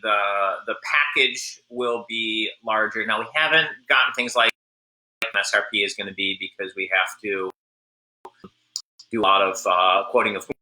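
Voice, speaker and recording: A man on a video call whose audio keeps stuttering and dropping out from a bad connection. He talks haltingly and repeats words as the sound cuts. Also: fairly low pitch, steady tone, bright, forceful tone, low-quality recording. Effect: choppy buffering audio over a bad internet link. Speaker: game designer guest. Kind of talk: live-stream Q&A.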